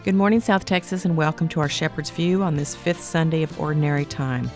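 A woman's voice: deep voice, brisk, darkish tone, soft background music. A woman hosting a religious talk program in a conversational way. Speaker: program host.

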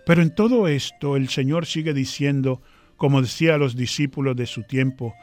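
A man's voice: mid-range voice, moderate pace. Male radio preacher, formal and prayerful, faint music bed. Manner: formal, steady, prayerful delivery. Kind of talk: sermon-style reflection on radio.

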